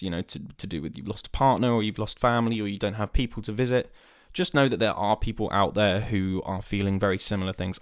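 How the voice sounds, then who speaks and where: A man hosting a podcast, talking earnestly and rambling a little, swearing casually, from a dark room. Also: lowish voice, no echo, studio quality. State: hiccuping. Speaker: podcast host. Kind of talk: casual podcast monologue and chat. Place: dark room lit by candles.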